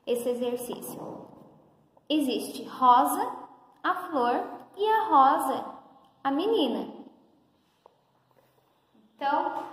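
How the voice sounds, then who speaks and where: Young São Paulo woman teacher, high voice, slow patient delivery to small children, heavily echoing empty room. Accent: Brazilian Portuguese, São Paulo state. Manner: slow, patient, explaining step by step with questions. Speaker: first-grade teacher. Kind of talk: recorded lesson for young pupils. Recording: very echoey room, long reverb, faint noise.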